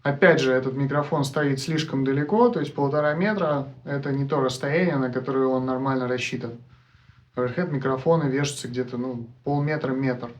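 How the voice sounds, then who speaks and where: A man's voice: mid-range voice, steady tone, a little fast. A man explaining an equipment demonstration, speaking from far away from the microphone. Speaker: presenter of an audio gear test channel. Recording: distant, roomy microphone pickup.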